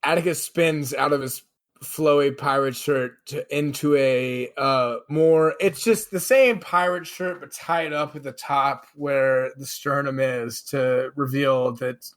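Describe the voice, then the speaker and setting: A man's voice: mid-range voice, takes it slowly. A man at a tabletop role-play table, describing what his character does. He stops and restarts often, padding his lines with fillers and playful asides. His voice sits in a middle register. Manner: hesitant narration with many fillers, theatrical asides. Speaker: player.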